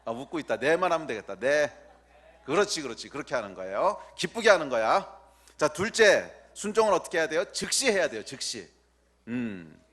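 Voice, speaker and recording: A male pastor preaching a sermon, teasing and quizzing the children in the pews and slowly repeating key words for emphasis. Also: a little high, big pitch swings, a bit bright.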